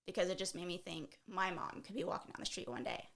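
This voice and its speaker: Laid-back woman with gravelly fry. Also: on the low side, expressive, fast talker, a bit bright. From Dallas, USA. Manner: laid-back, giggly, lots of "like". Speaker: guest. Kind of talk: casual podcast chat.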